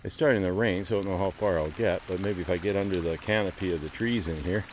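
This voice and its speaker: Male walking vlogger, sixties, low voice, unscripted, thinking out loud while recording outdoors. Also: quick pace, a little hiss or hum. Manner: musing aloud to himself while walking. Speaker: vlogger testing camera gear. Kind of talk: casual off-the-cuff walking vlog. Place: outdoors on a wooded trail and roadside path. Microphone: wireless lapel mic and camera mic.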